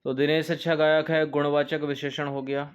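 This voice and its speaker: A man's voice: a little high, level tone, normal speed, smooth. A male coaching teacher walking through an exam test paper, explaining each answer step by step and repeating key points. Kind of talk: test-paper walkthrough lesson.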